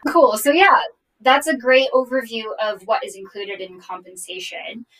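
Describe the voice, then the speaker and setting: A young adult woman hosting a casual live-streamed interview, chatty with many fillers, heard through low-quality stream audio. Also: animated, moderate pace, fairly bright tone. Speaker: host. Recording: distant low-quality stream mic, faint music.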